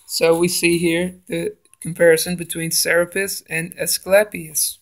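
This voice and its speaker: Filming a page with his phone camera, a religious video maker reads aloud from a book and comments as he goes, stumbling and restarting whenever a name is hard. His fairly high voice stays unhurried, with little movement in pitch.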